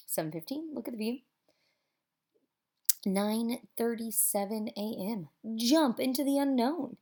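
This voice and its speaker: A children's picture book is read aloud by a woman in a mid-range voice. She leans into the story theatrically, using emphasis and dramatic pauses.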